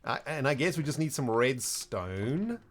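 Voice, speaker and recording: A man's voice: medium pitch, big pitch swings, measured pace. A young man giving live gameplay commentary, mock-exasperated and scolding the characters in his game. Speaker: streamer.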